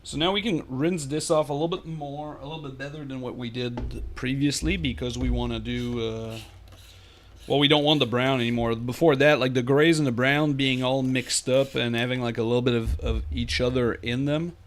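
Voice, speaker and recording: A man's voice: mid-range voice, fairly even intonation, normal speed. A man hosting a live miniature painting tutorial, chatting casually and rambling with lots of fillers, joking and talking to his chat. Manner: jokey, talks to chat.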